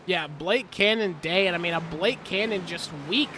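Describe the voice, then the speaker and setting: A man calling a sim racing broadcast from home, apologetic and quick to correct himself on air. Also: sits high, background noise. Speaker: sim racing play-by-play commentator. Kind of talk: live race commentary. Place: home, helicopters overhead.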